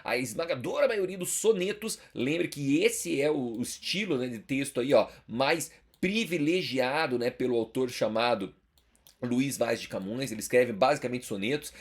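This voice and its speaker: A man's voice: medium pitch, animated, moderate pace, husky. A young adult man with a Brazilian Portuguese accent giving a casual exam-prep lecture, chatty and slangy, constantly checking in with his listeners. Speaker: teacher.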